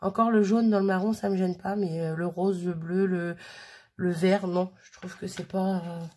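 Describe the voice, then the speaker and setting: A woman's voice: lowish voice, fairly even intonation, moderate pace, darkish tone. A woman chatting casually through a hands-on craft demo, full of fillers and little "hop" sounds as she works. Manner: chatty, filler-heavy, frequent "hop" while working. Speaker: crafting vlogger.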